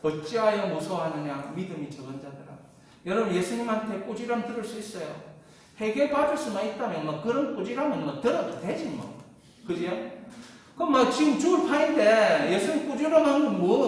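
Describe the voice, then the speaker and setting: A woman pastor preaching a sermon with lively call-and-response to her congregation. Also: a little high, brisk. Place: large church sanctuary. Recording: echoey hall from far off.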